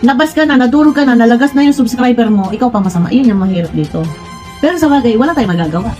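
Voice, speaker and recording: Speaking very fast with lively intonation, this woman has a slightly high, slightly mellow voice, with faint music behind her. She's a blunt, frank vlogger who says she's direct to the point, talking straight to her viewers in a casual commentary vlog about online personalities and rambling with many restarts.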